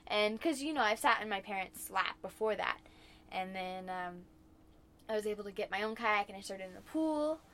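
A young woman talks easily about her life in a casual interview. Her voice sits at a middle pitch, and she talks in a chatty, rambling way with plenty of filler words. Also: lively intonation, moderate pace, fairly bright tone. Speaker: interviewee, kayaker.

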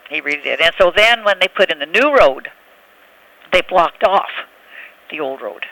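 An elderly woman reminiscing haltingly in a telephone interview, often searching for words. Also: lowish voice, expressive, sharp tone, no room sound, low-quality recording. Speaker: oral history interviewee.

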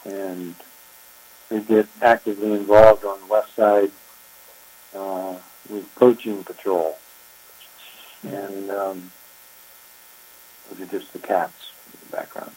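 An older man, a former park chief ranger, telling his story in an interview, unhurried and reflective with frequent pauses. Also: low-pitched, little pitch movement, warm tone, husky, poor audio. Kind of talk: oral history interview.

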